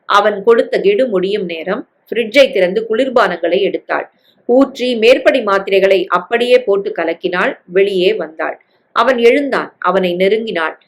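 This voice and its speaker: A woman narrating a family novel aloud in an even, unhurried way. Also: mid-range voice. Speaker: story reader.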